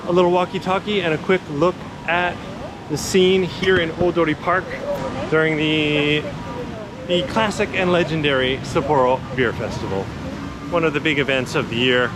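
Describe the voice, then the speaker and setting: A man with a somewhat high, fairly even voice talks at a normal speed as he hosts a casual walking tour, chatting and explaining in a relaxed, informal way. He's a vlog host and tour guide doing walk-and-talk narration outdoors on city streets, with traffic passing, city ambience and cars audible behind him.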